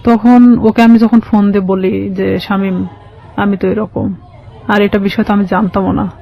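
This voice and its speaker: A woman with a Bangladeshi accent tells her own life story as an interview guest, speaking colloquially and quoting past conversations along the way. Her voice is medium-pitched and fairly flat, at a normal speed, with vocal fry and the high frequencies cut off.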